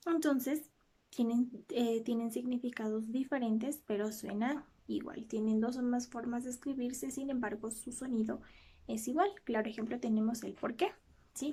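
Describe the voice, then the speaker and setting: Maestra de voz cálida que repite "¿sí?". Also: female voice, fairly high pitch, mellow. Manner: explanatory, often checks in with "¿sí?". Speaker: teacher. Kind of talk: classroom lesson.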